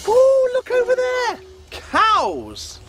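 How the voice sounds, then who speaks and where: A man playing a fussy, excitable leader of a children's camping trip, exclaiming and mock-stern like a kids show host. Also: extremely high pitch, drawn-out words, over loud music, full character voice. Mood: flustered. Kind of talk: scripted children's comedy acting.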